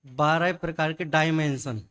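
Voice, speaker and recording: Animated man preaching with rhetorical questions. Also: a little high, a little slow. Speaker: Jain scholar giving a discourse. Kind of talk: religious discourse.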